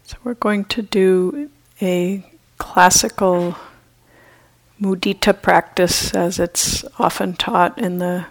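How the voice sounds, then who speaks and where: Speaking softly and slowly, with long silences between phrases, a woman leads a guided meditation as its teacher. Her pitch is fairly low and her tone holds steady.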